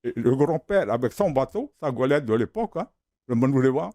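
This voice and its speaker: A man's voice: mid-range voice, animated, fairly quick, darkish tone, dry recording. An older man from the Austral Islands, a guest in a TV studio, telling stories and repeating words as he searches for them. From Austral Islands, French Polynesia. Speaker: founder of the crafts service, guest. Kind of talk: reminiscing studio talk.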